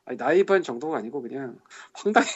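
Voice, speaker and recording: This co-host of a casual podcast, who is also a game translator, speaks a little fast in a higher, slightly rough voice with big pitch swings. He grumbles and vents in exasperation, muttering swears, and the recording is lo-fi.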